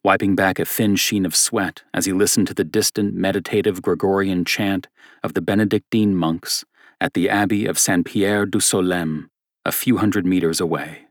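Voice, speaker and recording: A male audiobook narrator reads in a steady, measured way. His voice is very low and close-miked, with a dry, dead sound and no room around it. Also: dry recording.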